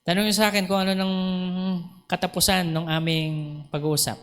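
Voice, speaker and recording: High-voiced pastor preaching. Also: male voice, fairly even intonation, fairly quick, fairly bright tone, clean tone. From Philippines. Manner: preaching, acts out dialogue in retold conversations. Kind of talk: Taglish sermon with storytelling. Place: church sanctuary. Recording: church hall with long reverb.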